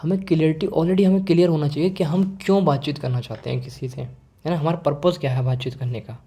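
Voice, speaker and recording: Young male tutor, mellow tone, casual exam-prep lecture, reads text slowly then explains. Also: a little high, steady tone, breathy edge. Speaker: teacher explaining exam answers.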